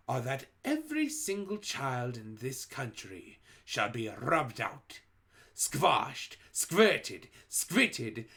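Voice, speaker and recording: A man's voice: mid-range voice, bright, forceful tone, exaggerated voice. A man reading aloud and voicing a cruel, commanding female witch leader who gives menacing, shrieking orders.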